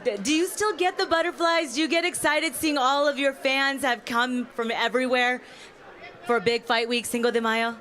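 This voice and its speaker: A woman's voice: sits high, steady tone, moderate pace, a bit bright. Woman hosting a live on-stage interview. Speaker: event host interviewing a boxer.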